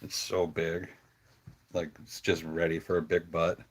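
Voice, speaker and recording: Speaking a little slowly with a breathy edge and little pitch movement, a low-voiced man casually hosts a laid-back livestream about his farm animals, full of affectionate pet talk.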